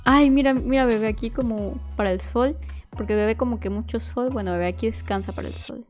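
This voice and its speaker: A woman giving playful commentary on a game, excitable, squealing and shrieking at every fall. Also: a little high, brisk, soft background music. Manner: talks to the baby as she plays. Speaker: gaming youtuber.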